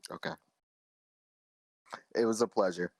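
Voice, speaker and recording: A man's voice: fairly low pitch, steady tone, unhurried, a little mellow, no echo. A young man, a guest on a casual podcast, joking and teasing the host.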